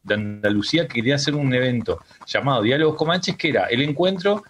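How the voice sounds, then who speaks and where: A middle-aged Uruguayan man speaks as a guest on a casual radio interview, rambling loosely and restarting often. His medium-pitched voice is lively and fast, coming through a home microphone on a remote call with lo-fi sound and a faint hiss or hum.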